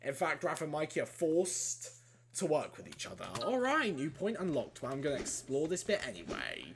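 Lively jokey let's play commentator. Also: medium pitch, moderate pace, creaky, noisy background. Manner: animated, jokey, talks back at enemies. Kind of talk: casual gameplay commentary. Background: game music.

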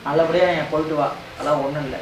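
This amateur family drama features a man with a Ramnad accent from southern Tamil Nadu as a distressed, faltering husband who keeps repeating reassurances to his wife. He talks fast with a natural, higher-pitched voice and fairly even intonation. The mic is far away in an echoey room, with slight background noise.

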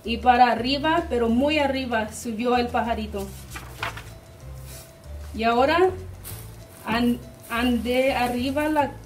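A woman reading a children's picture book aloud to preschoolers, slow and deliberate. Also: on the high side, far from the mic, faint music behind. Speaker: guest reader for preschoolers.

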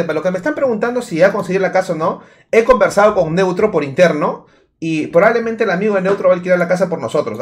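Male streamer, Peruvian accent, high voice, slightly drunk, crude rambling banter. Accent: Peruvian Spanish. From Peru. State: tipsy. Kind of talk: casual livestream chat.

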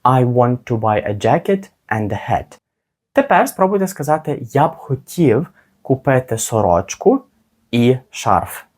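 A man teaching a spoken English lesson, modelling phrases slowly and carefully for listeners to repeat. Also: mid-range voice, big pitch swings, darkish tone.

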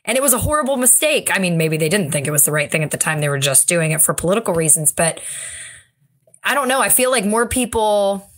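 A woman's voice: lowish voice, brisk. A woman co-hosting a podcast, talking in a thoughtful, conversational way with fillers and restarts. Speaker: podcast co-host. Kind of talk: casual discussion.

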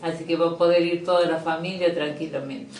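A woman's voice: deep voice, steady tone, brisk, darkish tone. A middle-aged woman with an Argentine accent, talking as a youth coordinator in a casual interview, chatty with many fillers and restarts. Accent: Argentine Spanish. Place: small office indoors. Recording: echoey room, distant mic, faint noise.

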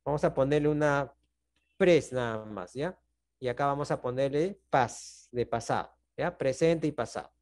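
This math teacher, speaking with a Peruvian Spanish accent on a video call, has a mid-range, darkish voice at normal speed. He explains things patiently and keeps checking on the class with "¿no?" and "¿está bien?".

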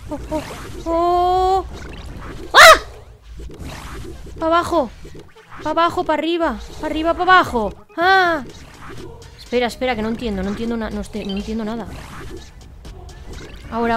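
A woman's voice: high-pitched, fairly bright tone. A young woman from Spain with a Spanish accent, commenting on her gameplay with exclamations, swearing and laughter. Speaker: gaming YouTuber.

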